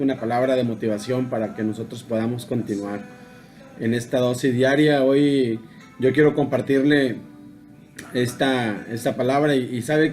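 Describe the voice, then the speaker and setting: A man giving a daily devotional sermon, telling a story in an unhurried, halting way, full of fillers and repeated tag questions. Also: mid-range voice, a little mellow. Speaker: preacher.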